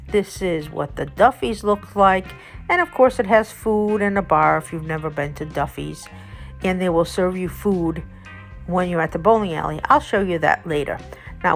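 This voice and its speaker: A woman narrating a casual vlog tour as host, in a chatty, enthusiastic way. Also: lowish voice. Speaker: video host and local tour guide. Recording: background music under the voice. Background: music.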